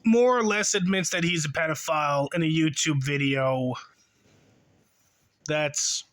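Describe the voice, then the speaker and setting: In a reaction video, a man in his twenties mocks the person in the clip with sarcastic, exasperated commentary. His voice is fairly high and a bit bright, and he doesn't hurry.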